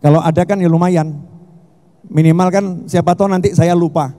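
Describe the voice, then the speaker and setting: A middle-aged man gives a sermon in a large hall, and his voice rings out with long reverb. He speaks high and mellow, turning to jokes and stories, then shouts to drive a point home. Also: a little fast. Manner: animated, joking storytelling with shouted emphasis. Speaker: preacher. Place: large hall at a religious festival.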